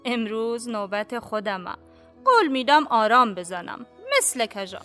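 Acted by a woman, a brash young female prison guard taunts and teases in a radio drama. Her voice is high, bright and sharp, with faint music beneath. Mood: taunting. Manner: teasing, brash.

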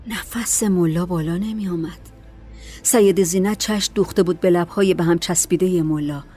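A woman narrating a story in a calm, measured audiobook reading. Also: fairly low pitch, soft background music.

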